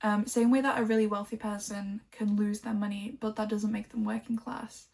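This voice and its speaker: A woman from Liverpool chatting casually about books she collected, rambling and filling pauses with "um" and "like". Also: mid-range voice, flat delivery, creaky, a little mellow. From Liverpool, England. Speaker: book vlogger.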